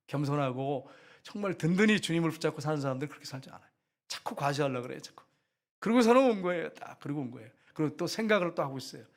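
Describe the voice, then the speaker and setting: A male pastor delivers a sermon with a fairly high voice. He tells the story vividly, acting out what people said and throwing questions to the congregation. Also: fast. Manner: animated storytelling, dramatizes quotes, asks the congregation questions. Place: church.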